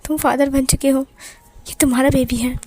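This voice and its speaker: A woman's voice: high-pitched, little pitch movement, normal speed, dark tone, breathy edge. A woman voicing a worried, loving mother who speaks anxiously and affectionately. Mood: tender.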